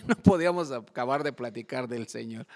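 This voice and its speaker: A man's voice: mid-range voice, expressive, moderate pace, big-room sound. A man preaching a sermon at a church service, often quizzing the congregation with call-and-response questions. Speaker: pastor.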